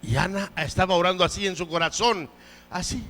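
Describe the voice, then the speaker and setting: A male preacher delivering a fervent sermon. He swings from loud shouts to soft, low passages and calls himself a loud talker. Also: a little fast, slight background noise. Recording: long hall reverb.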